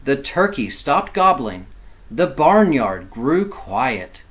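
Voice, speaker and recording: A man reads a children's storybook aloud like a teacher, full of expression and adding simple explanations for young listeners. His voice sits in the mid-range, and he takes his time.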